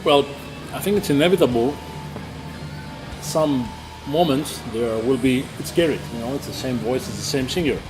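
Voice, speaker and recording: A band member chats casually in an interview about his band's plans, speaking halting English full of fillers. His voice is mid-pitched, clear music plays beneath him throughout, and the audio is poor.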